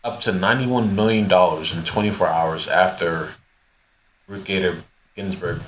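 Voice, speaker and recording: A man co-hosting a podcast, talking politics in a measured, hesitant way full of fillers. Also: deep voice, fairly even intonation. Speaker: podcast co-host. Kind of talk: casual political talk. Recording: echoey room with faint noise.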